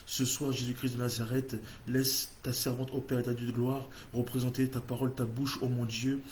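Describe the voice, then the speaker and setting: A man's voice: mid-range voice, level tone, a little fast, darkish tone, slight background noise. A man with an English-speaking accent hosting a church livestream, leading a fervent, repetitive prayer in French. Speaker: church host.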